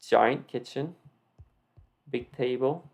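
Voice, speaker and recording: Slow, creaky voice with a slight retainer lisp. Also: medium pitch, a little mellow. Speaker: video creator giving a game build tour. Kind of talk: casual unscripted walkthrough commentary.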